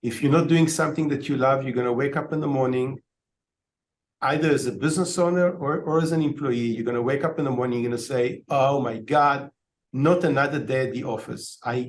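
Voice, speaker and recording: A man in his fifties from Israel, an IT company owner, appears as a guest on a video call through his laptop webcam. He talks fast at medium pitch, telling stories with frequent ums and restarts, with slight background noise.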